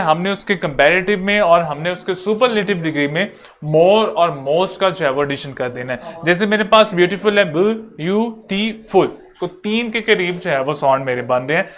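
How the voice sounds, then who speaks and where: A man teaching an online lecture, going over each rule slowly and repeating it step by step. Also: high-pitched, a bit bright. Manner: repetitive, explains slowly step by step.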